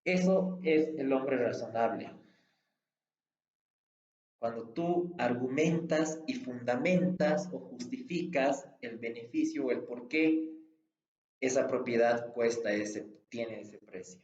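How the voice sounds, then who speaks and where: A man's voice: medium pitch, slow, a little mellow. A man with a Bolivian accent teaching sales technique in a firm, explanatory way. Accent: Bolivian Spanish. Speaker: real estate sales trainer. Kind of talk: instructional talk with sales role-play examples. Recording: roomy, slightly dull recording.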